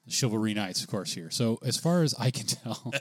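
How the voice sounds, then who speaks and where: A man's voice: lowish voice, expressive, fairly quick, dry recording, soft background music. A man co-hosting a casual gaming podcast, chatty and laughing often as he reads rules aloud. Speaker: podcast co-host.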